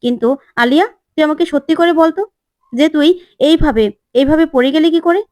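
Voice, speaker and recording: A woman voicing an earnest young man in a retold TV serial, in her own voice with a slightly higher pitch. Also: brisk, a little mellow, dry recording, clean studio sound, close to an everyday voice. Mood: pressing.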